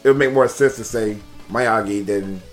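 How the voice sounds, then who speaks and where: A man in his thirties co-hosting a podcast, relaxed and joking, with casual swearing. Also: medium pitch, a little fast, faint music behind. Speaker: podcast co-host. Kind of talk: casual movie chat.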